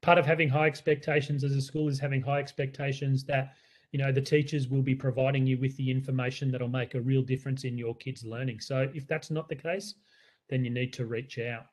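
A man's voice: mid-range voice, level tone, brisk. An Australian man who leads a school, presenting to parents in an earnest, conversational way with many fillers and restarts. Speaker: school leader.

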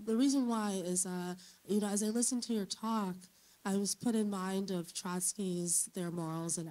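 A woman's voice: on the low side, darkish tone, rough recording. A woman in the audience asking a long academic question. She is losing her voice and speaks in an earnest, searching way, correcting herself as she goes.

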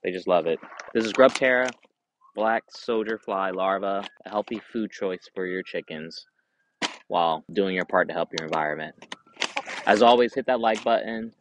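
A man in his thirties with a very low voice, talking easily and unhurriedly to a camera set a few meters away in an open backyard. He stumbles into restarts and fillers now and then. Faint outdoor noise and hens clucking sit behind him. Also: moderate pace. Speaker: vlogger reviewing chicken feed. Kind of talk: casual product review vlog. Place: outdoors in a backyard by a chicken coop. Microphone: camera on a tripod a few meters away. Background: chickens clucking.

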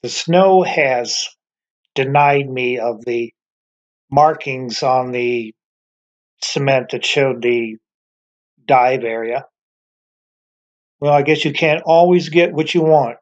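In a muffled recording, a middle-aged urban explorer vlogger takes it slowly, leaving long pauses in his mid-range voice. He's outdoors in the snow walking around an abandoned motel, chatting enthusiastically to a handheld camera at arm's length, with plenty of wandering asides.

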